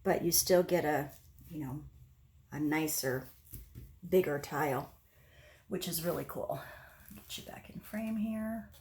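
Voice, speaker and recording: A woman with a slightly low voice hosts a casual craft demonstration. She talks through each step as she works, unhurried and conversational. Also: darkish tone. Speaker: host of an acrylic pour painting tutorial. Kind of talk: casual craft demonstration, narrating as they work.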